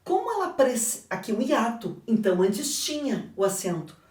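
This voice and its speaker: A woman's voice: a little high, sing-song, normal speed, a little mellow. A woman teacher with a Brazilian Portuguese accent, correcting an exam in a didactic way and asking and answering her own questions. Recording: echoey room, voice from a distance.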